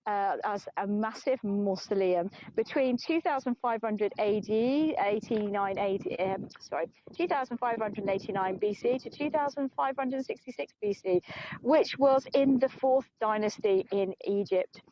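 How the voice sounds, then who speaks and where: Her voice is warm and medium-pitched, moving at a normal speed, as this middle-aged English tour guide walks a live group across an open plateau. She's talkative and self-mocking, laughing frequently though she sounds tired. The phone stream gives a dull, lo-fi sound.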